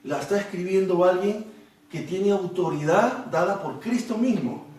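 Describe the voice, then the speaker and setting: A man's voice: high-pitched, moderate pace, darkish tone. A man preaching a Bible study sermon, explaining the text at length and often checking in with rhetorical questions. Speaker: pastor. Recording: echoey room, mic far off.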